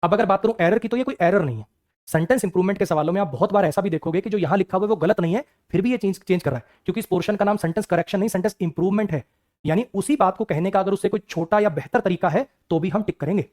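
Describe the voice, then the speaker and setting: Male grammar teacher, quick and high-pitched, scolding and questioning. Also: a little mellow. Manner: brisk, scolding rhetorical questions to students. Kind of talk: exam-prep grammar lecture.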